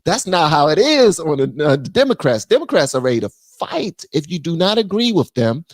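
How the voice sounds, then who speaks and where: A man hosts a political commentary livestream, his voice slightly high and his pace brisk, recorded at studio quality with no room sound. He speaks bluntly, uses slang, and stays animated, dropping into mock voices along the way.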